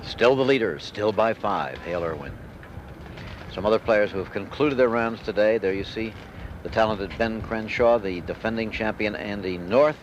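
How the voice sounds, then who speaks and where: A man giving measured, descriptive live golf commentary on an old television broadcast. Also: on the low side. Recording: dull, noisy vintage TV broadcast.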